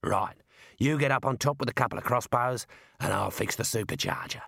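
Gruff, hard-bitten driver played by a male narrator, brash and blunt, dry studio audiobook delivery. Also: mid-range voice, fairly quick, fairly bright tone, no room sound. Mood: grim, brisk. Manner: blunt, slangy, matter-of-fact.

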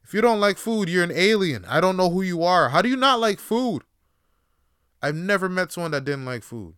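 This man hosts a podcast and comes from Toronto, Canada, ranting casually on his own. His voice is smooth and dry, the sound has no echo, and his swearing, wandering talk flips from shouting to low, reflective murmurs.

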